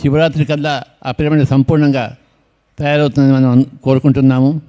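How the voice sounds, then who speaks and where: With a mid-range, level voice that is mellow and a little fast, an older meditation movement leader speaks informally to a gathering. He teases and jokes with people in the crowd as he goes.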